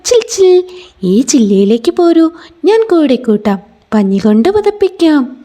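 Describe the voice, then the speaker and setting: A woman's voice: high voice, big pitch swings, a little slow, warm tone. A woman voicing a kind little squirrel who coaxes and reassures a scared bird. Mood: coaxing. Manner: coaxing, reassuring.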